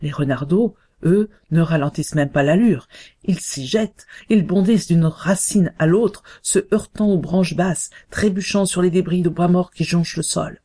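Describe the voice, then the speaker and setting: Woman narrator, lyrical chant-like reading, mellow warm tone, storybook. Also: lowish voice, normal speed.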